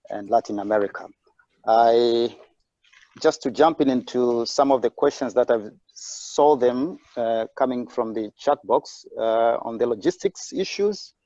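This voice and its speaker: A man's voice: medium pitch, dark tone, dry recording. A man speaks over an unstable video-call connection, his voice dull and lo-fi. The audio is dry with no room sound. He talks hesitantly and fills gaps with "uh" and "um". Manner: hesitant, many fillers. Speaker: webinar presenter. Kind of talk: online presentation.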